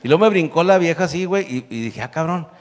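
A man's voice: fairly high pitch, animated, quick pace, big-room sound. A man in his sixties from northern Mexico, with a northern Mexican accent, telling a crude, profane stand-up story and laughing through the punchlines. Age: 60s. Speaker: comedian.

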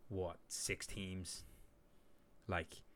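A man's voice: deep voice, flat delivery, very slow, fairly bright tone. A man co-hosting a casual sports podcast, with a rambling, filler-heavy way of breaking down games. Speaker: podcast co-host. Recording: faint background hiss.

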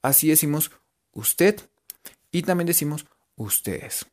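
A man's voice: a little high, lively intonation, slow, a little mellow. Playful Colombian man teaching English. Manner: playful, spells letters out and keeps checking in with listeners. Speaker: English teacher on local radio. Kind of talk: radio English lesson.

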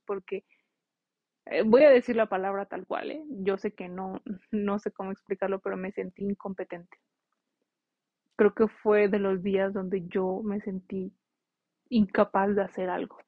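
A woman's voice: medium pitch, little pitch movement, a little slow, no echo. A young woman nurse talking casually and earnestly to nursing students, telling a heartfelt story and giving direct advice. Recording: slightly dull, dry recording.

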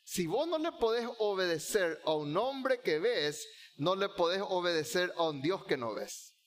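Male pastor, high voice, fervent repetitive sermon delivery. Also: expressive, unhurried. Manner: fervent preaching, repeats key phrases, has the congregation repeat lines.

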